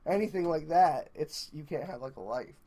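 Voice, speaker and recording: A man's voice: a little high, animated, moderate pace, dark tone. A young man interviewing a friend in casual chat, blunt and opinionated, swearing freely.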